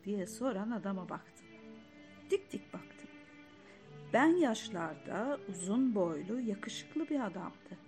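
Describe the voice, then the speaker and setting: Woman narrator for a reflective literary read, measured delivery, faint music bed. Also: medium pitch, sing-song, a little mellow.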